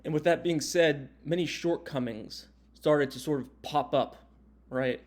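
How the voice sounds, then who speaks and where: A man's voice: on the high side, unhurried, a little mellow. American man teaching an informal recorded lecture. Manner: explanatory, punctuates points with check-in tags like "right?" and "okay?". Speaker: history and government teacher.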